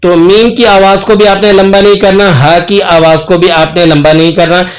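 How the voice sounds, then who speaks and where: A man teaches tajweed in a patient lesson. He sounds out Arabic letters slowly and draws them out, repeating each one as an example for the learner. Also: high-pitched, flat delivery. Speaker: Quran recitation teacher.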